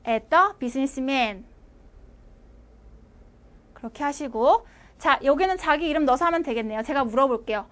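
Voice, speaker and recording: High voiced woman teacher doing an online class, slow clear repeats for students. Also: lively intonation. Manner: slow, clear repetition for learners to follow. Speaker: language teacher. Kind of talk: online language lecture.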